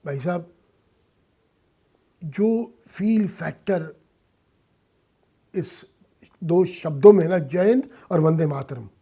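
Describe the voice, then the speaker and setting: A mature man, a social-cause filmmaker and philanthropist, speaks earnestly as a guest in a radio interview. His slightly high, mellow voice is husky, and he talks emphatically and deliberately in short phrases, addressing others respectfully and mixing in some English.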